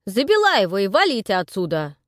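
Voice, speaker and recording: A woman's voice: medium pitch, normal speed, dry recording, studio quality, natural voice. A woman reading an audiobook, voicing a rude male thug who barks his lines and burrs his r's. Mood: barking. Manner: barking, rolls his r's poorly.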